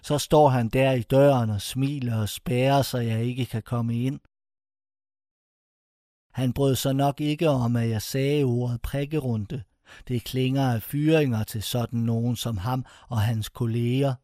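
A man reads a first-person short story aloud in a mellow, warm voice. The sound is dry and close, with no room around it. His telling is intense and bitter. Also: medium pitch, fairly even intonation, no echo. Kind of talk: scripted first-person narration.

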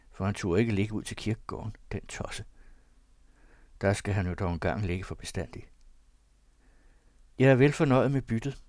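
Low-voiced man reading a diary dramatically. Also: dry recording. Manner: emotional, shifting from hushed to agitated. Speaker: reader. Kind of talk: dramatic first-person reading of an old diary.

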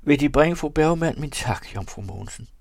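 A man's voice: fairly high pitch, animated, gravelly, no echo, pitched above the performer's own voice. A man reading aloud, voicing a frail, fickle bedridden wife in a raised, pleading tone. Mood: fretful.

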